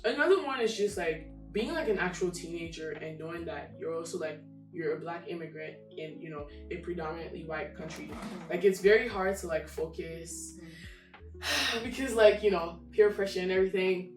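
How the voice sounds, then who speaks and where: A teenage girl from Nigeria answering softly and hesitantly, with many fillers. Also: fairly low pitch, normal speed. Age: teens. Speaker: guest. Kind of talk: casual interview answers. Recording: roomy, distant mic, faint music.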